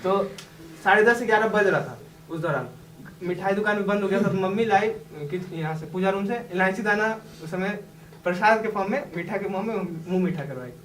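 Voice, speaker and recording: A man's voice: sits high, a little fast, fairly bright tone. Chatty young man, distant, echoey room. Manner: chatty, laughing often while telling. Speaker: successful exam candidate. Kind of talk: telling a personal story to a class. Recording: echoey room, distant mic, background noise.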